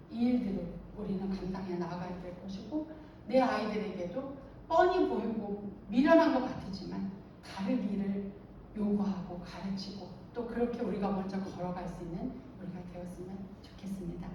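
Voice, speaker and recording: A middle-aged woman speaking at a church teacher training, telling stories in a lively way, acting out the voices she quotes, and laughing often. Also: medium pitch, moderate pace, a little hiss or hum. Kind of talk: anecdotal church talk. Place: large church hall. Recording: very echoey hall, distant mic.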